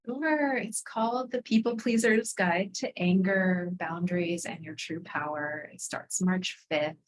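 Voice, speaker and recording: A woman with a fairly low voice talks as a podcast guest. She explains her ideas in a reflective, earnest way, with a gentle enthusiasm. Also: measured pace, poor audio. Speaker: guest, anger coach. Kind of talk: conversational interview.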